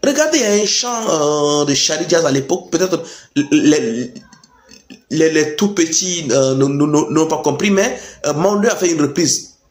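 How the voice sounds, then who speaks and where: A man's voice: fairly high pitch, lively intonation, moderate pace. A man gives impassioned, informal political commentary, emphatic and repeating phrases for stress. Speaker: political commentator addressing youth. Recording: echoey room.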